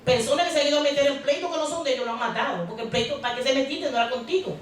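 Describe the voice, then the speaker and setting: Woman preacher, high voice, chatty sermon style with questions to the congregation; heard from a distance in a very echoey church hall. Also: racing, slight background noise. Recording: very echoey hall, mic far off.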